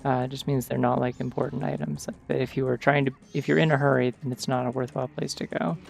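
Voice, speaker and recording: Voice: medium pitch, little pitch movement, fast, vocal fry, soft background music. A streamer giving casual gameplay commentary late at night, tired, rambling with lots of "like" fillers.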